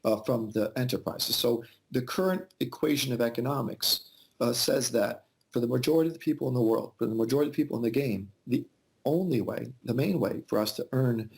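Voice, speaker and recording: Man with a gravelly voice on a call. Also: medium pitch, fairly quick, a little mellow. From Yugoslavia, raised in the United States. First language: Albanian. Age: 40s. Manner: thoughtful, with frequent fillers and restarts. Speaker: interview guest. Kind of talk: casual interview conversation. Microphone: video call.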